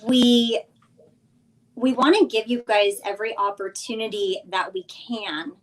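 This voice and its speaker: A woman's voice: fairly high pitch, measured pace, rough recording. A woman speaking informally as a guest coach on a livestream, explaining details and encouraging listeners to act. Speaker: business coach, guest sponsor. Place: remote live video stream.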